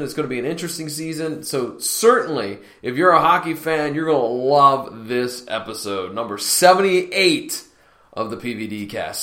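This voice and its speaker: A man's voice: fairly high pitch, fairly bright tone. Upbeat man host in an echoey bare room. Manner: upbeat, chatty, talks straight to listeners. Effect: echo of a near-empty room, like a hall. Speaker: podcast host. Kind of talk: casual podcast intro. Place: near-empty home room being remodeled. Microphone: laptop recording setup.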